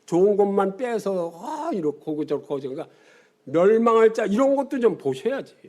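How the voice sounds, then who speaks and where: A man in his seventies, a pastor preaching a sermon with animated storytelling and sudden quiet drops. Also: high voice, moderate pace. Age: 70s.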